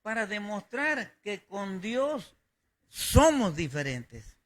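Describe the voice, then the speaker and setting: A man's voice: high voice, sing-song, slow. A male pastor preaching a sermon, emphatic and repeating his key phrases.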